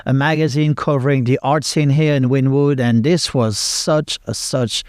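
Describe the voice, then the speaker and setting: A podcast host in his fifties from the south of France leads a casual interview chat in a medium-pitched, steady, smooth voice at a moderate pace. Eager and agreeable, he often echoes his guest's words. The studio sound is clean.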